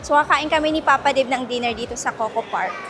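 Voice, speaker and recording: A woman's voice: high voice, quick pace, background noise. A Filipino woman vlogging casually while she walks through a mall, chatty and laughing often as she mixes Tagalog and English. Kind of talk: casual travel vlog. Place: shopping mall. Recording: loud music playing over voice. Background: background music.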